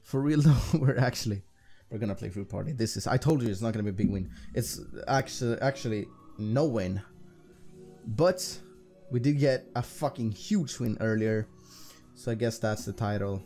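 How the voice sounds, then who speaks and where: A man's voice: on the low side, normal speed, dark tone. A man giving casual gambling commentary to his viewers as a slots streamer, in profane, slangy bro talk. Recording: music behind the voice.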